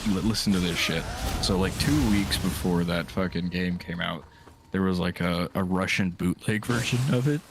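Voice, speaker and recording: Profane, excitable young man streaming. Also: low-pitched, normal speed, noisy background. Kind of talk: casual gaming chat. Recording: music playing behind.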